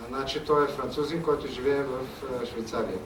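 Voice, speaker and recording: A man's voice: medium pitch, fairly even intonation. Male interpreter in echoey hall. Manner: quick, filler-laden interpreting. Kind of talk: live interpreting into Bulgarian. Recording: echoey hall, distant mic, background noise.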